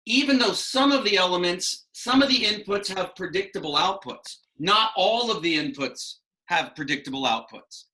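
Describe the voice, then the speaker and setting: A man's voice: high voice, lively intonation, normal speed, hardly any pauses, sharp tone, rough recording. A man in his thirties teaching a math class online from a small room at a whiteboard, patiently asking questions and explaining step by step.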